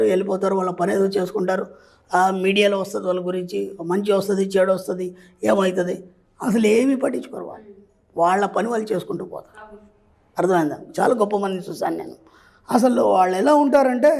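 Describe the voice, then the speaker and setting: A man with a gravelly, slightly husky voice delivers a motivational spiritual talk. He speaks as a teacher and counselor and gives his listeners direct instructions. He often pauses to ask whether they have understood. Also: high-pitched, darkish tone. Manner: lecturing, often checks for understanding with repeated questions.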